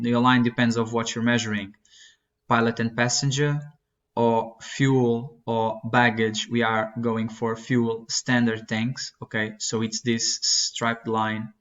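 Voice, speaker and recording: A young man explains a flight-prep chart in a lesson, his voice flat and unvarying. He halts often, filling gaps and correcting himself as he goes. The recording is dull and lo-fi, captured on a desk mic at a computer. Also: medium pitch. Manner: halting, many fillers and self-corrections. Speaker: flight instructor. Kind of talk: screen-recorded lesson walkthrough. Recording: dull lo-fi sound.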